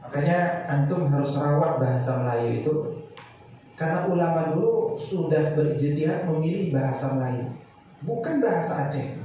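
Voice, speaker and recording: A man from North Sumatra giving a religious lecture, animated and often asking the audience rhetorical questions. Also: fairly high pitch. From North Sumatra, Indonesia. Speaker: Islamic teacher giving a study session. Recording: echoey hall, mic far off, faint noise.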